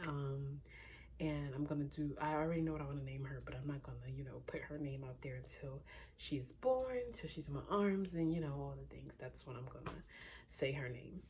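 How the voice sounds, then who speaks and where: A woman's voice: very deep voice, fairly quick, a little mellow. A young adult woman who is pregnant, chatting casually and rambling in a vlog, a little short of breath, sometimes dropping to a near whisper. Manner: chatty, rambling, laughs often, drops to a near whisper at times. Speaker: pregnancy vlogger.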